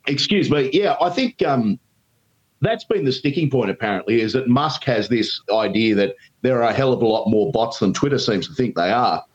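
An Australian-accented radio talkback host appears as an interview guest, offering emphatic opinions at normal speed with lively intonation. He says "um" a lot, and his pitch leaps whenever he gets indignant. The audio comes over a dull, lo-fi remote line.

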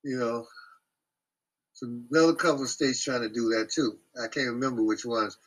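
A man hosting a casual group talk, speaking bluntly and profanely in an animated rant. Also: mid-range voice, moderate pace, rough recording.

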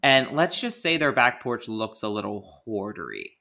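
A man's voice: fairly low pitch, very animated, moderate pace, vocal fry, bright, forceful tone. A man co-hosting a podcast, chatting casually and jokingly laying out schemes. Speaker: podcast co-host. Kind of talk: casual chat.

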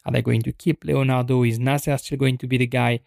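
On a loose, unscripted football podcast, a young man keeps stopping to say um and restart his thoughts, sounding reflective and unsure. His voice is mid-pitched, creaky, and gravelly, with a darkish, level tone. It's captured close and dry, without any room sound.

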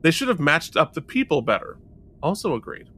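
A man with a high, bright voice co-hosts a relaxed review podcast. His pitch swings widely as he jokes, reads out comments and laughs often. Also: a little fast, breathy edge. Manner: animated and jokey, laughing often. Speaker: podcast co-host. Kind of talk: casual chat.

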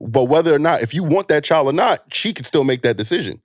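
Male debate panelist, slightly high pitch, conversational, halting, concedes then counters. Dry recording. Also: expressive, no room sound. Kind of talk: informal debate.

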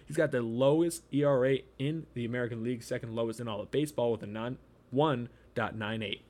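A man hosting a podcast, reading off a weekly sports recap as quick lists of statistics. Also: mid-range voice, a little mellow. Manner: reels off stats in quick lists. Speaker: podcast host.

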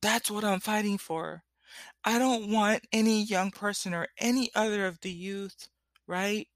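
A woman's voice: mid-range voice, a little slow, no echo. A woman content creator speaking directly to her followers in impassioned commentary, emphatic, repeating key phrases and checking in as she goes. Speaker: content creator, host of a solo show.

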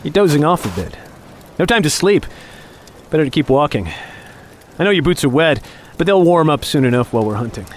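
A man's voice: fairly high pitch, sing-song, a little fast, pauses often, a little hiss or hum. A man playing a younger office underling on a hunt, talking on with mock cheer, taunts and menace in a dramatic audio story. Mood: falsely chummy. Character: younger male office underling, falsely chummy, needling, menacing hunting companion. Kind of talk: dramatic audio fiction acting.

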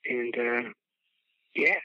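A man in his thirties from the Chicago area, a podcast guest telling rambling, animated stories with casual swearing and laughter. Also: medium pitch, extremely slow, dry recording. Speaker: podcast guest, former child actor. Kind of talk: casual storytelling chat. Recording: dull, dry lo-fi sound.

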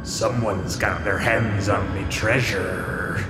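A man voicing a menacing ghostly male pirate made of krill, with a gruff, growling manner. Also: fairly low pitch, fairly even intonation, slow pace, roomy sound, long reverb tail, loud music behind the voice, pitched below the performer's own voice. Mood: spooky.

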